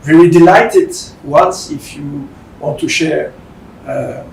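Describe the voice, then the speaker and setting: A Belgian company managing director with a French accent gives a semi-formal presentation speech in halting, hesitant, non-fluent English. His slightly high voice has a gravelly creak, captured by a distant mic in a roomy space with faint rumbling noise.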